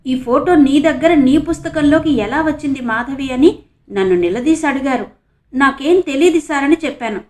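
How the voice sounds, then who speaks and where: Woman reading a teary college girl, bitter and upset, high voice. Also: close to an everyday voice. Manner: tearful, resentful. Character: tearful young female college student, younger sister. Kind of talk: audiobook character reading.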